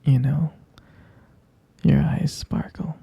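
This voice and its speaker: A man plays a tender, devoted boyfriend in an intimate ASMR roleplay, whispering in a breathy, husky, sing-song way and lingering adoringly over his words. His mid-range voice is slow and fully in character. The audio is dull, with no echo.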